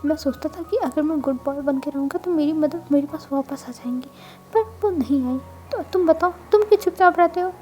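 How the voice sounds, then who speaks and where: A woman voicing a quiet, earnest young man who talks softly and haltingly in a told fanfiction story. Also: sits high, close to an everyday voice. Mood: gentle.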